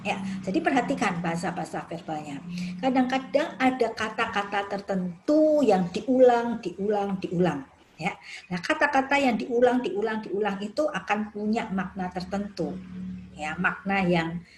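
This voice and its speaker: A woman from Indonesia teaching a counseling workshop, explaining step by step and tagging her sentences with "ya". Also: mid-range voice. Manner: warm explanatory, frequent "ya" tags. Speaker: counseling trainer.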